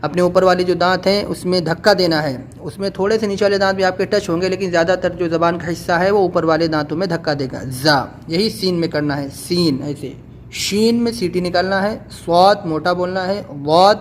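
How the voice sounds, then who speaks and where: A man's voice: high voice, steady tone, few pauses, slight background noise. A male teacher giving a patient, explanatory lesson on reading Quranic letters, repeating and drilling each sound.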